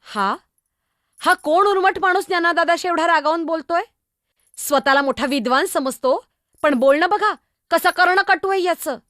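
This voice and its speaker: A woman's voice: very high voice, moderate pace, sharp tone, no echo, studio quality. Muktai, a woman playing a chirpy young girl. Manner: chatty, teasing, innocent, exclamatory. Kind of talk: solo stage monologue.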